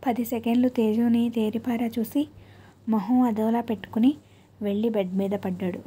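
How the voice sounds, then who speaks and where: A woman narrating an audio story in a steady, even reading. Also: fairly high pitch, moderate pace, slightly rough.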